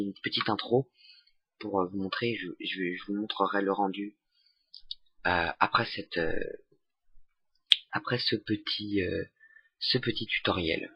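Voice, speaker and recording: Young man, lowish husky voice, halting casual tutorial, dull dry home mic. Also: dry recording. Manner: hesitant, many fillers and restarts, self-mocking. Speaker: software tutorial maker. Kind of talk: casual screen-recorded tutorial.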